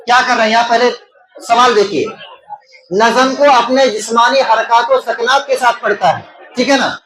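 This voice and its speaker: Man with a very high voice, teaching loudly. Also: background noise. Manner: checks in with the class, often asking "right?"; talks loudly over the room to students. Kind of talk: classroom exam-prep lesson. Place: classroom with students.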